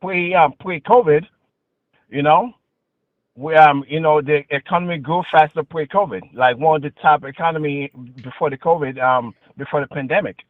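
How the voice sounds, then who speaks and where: A man's voice: on the high side, dry recording. Phone-line man with a Queens accent. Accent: Queens New York. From Queens, New York. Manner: halting, repetitive, slangy filler phrases. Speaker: caller. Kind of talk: casual political debate. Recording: tinny phone-like call audio.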